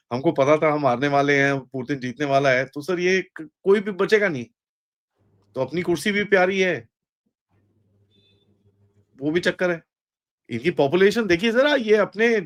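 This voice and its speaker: A man with an Indian accent giving an animated political analysis, mixing in English phrases and acting out quoted speech. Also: a little high. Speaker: guest analyst. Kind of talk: casual political discussion.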